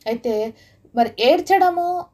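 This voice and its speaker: A woman's voice: sits high, lively intonation, slow, a little mellow. A woman giving an earnest devotional sermon, opening with a prayer and asking her listeners many questions. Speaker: preacher.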